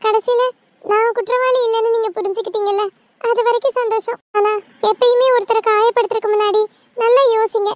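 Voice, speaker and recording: A woman's voice: very high voice, steady tone, fairly quick, background noise. A woman voicing a young village wife who was wrongly accused, in a cartoon. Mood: earnest. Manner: sincere, pleading.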